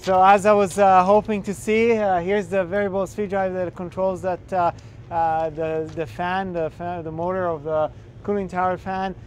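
A man's voice: sits high, level tone, moderate pace. A young man giving an instructional walkthrough outdoors on a building rooftop, talking hesitantly with many filler sounds and restarts. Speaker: energy auditor instructor. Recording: faint outdoor noise.

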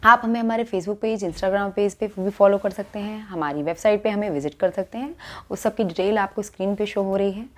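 A woman's voice: medium pitch, brisk, a little mellow. Woman giving ordering instructions. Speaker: shop presenter. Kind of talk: video sign-off with ordering details.

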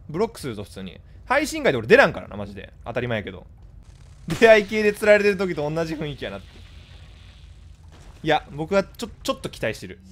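A man with a Kansai accent chatting casually with his live-stream viewers, blunt and scolding in rapid-fire retorts. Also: sits high, fairly bright tone. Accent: Kansai Japanese.

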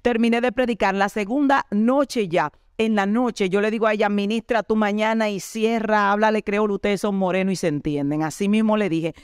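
A woman's voice: mid-range voice, normal speed, hardly any pauses, smooth, dry recording, clean studio sound. A woman pastor, telling her own testimony in an interview and acting out the dialogue as she goes. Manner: animated storyteller acting out dialogue.

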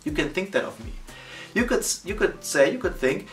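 A man in his thirties speaks animatedly to the camera in a studio, his voice sitting a little high. The mic is set back from him, and soft music plays underneath. He sounds casual and chatty, like a vlogger. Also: brisk, recorded from a distance. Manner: animated, gesturing with both hands. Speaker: photography vlogger. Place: indoor studio against a plain backdrop.

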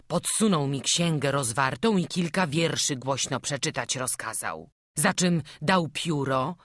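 A woman's voice: deep voice, a bit bright, dry recording. Woman, audiobook narrator, dry studio sound, storytelling voice. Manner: voices village characters in old-fashioned dialogue.

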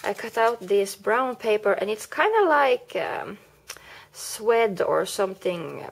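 A woman with a cold chats through a card-making tutorial step by step, correcting herself as she goes. Her mid-range voice is sing-song, slow and slightly rough, with some vocal fry. The casual craft lesson is captured by a camera mic over a craft table, showing only her hands.

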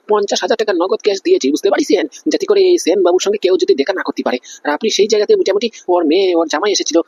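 A man's voice: sits high, gravelly, husky, dull audio, exaggerated voice. A man voicing an angry male briber who badgers a police officer, indignant and demanding in a cartoon comedy. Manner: indignant, badgering, repeats "hyan?".

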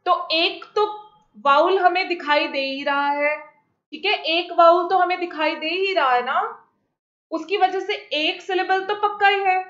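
A woman teacher running an exam-prep class, reading questions slowly in English and explaining quickly in Hindi, often repeating herself. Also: very high voice, a bit bright. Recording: echoey, dull lo-fi audio.

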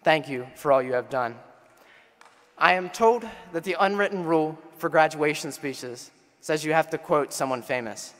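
A young man from Pennsylvania, the class president, gives a rousing formal commencement speech at a podium microphone on a large auditorium stage. His voice is a little high and fairly bright, at a moderate pace, building toward call-and-response refrains amid long hall reverb.

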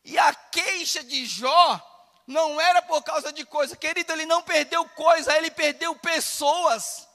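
A man's voice: very high voice, steady tone, moderate pace, bright, forceful tone, in a large hall. A man with a Brazilian Portuguese accent preaching a fervent, emphatic sermon as a pastor.

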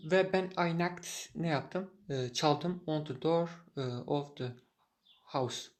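A man teaching English who reads a short story and translates it line by line, pausing often with filler sounds. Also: fairly high pitch. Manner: halting, many filler sounds.

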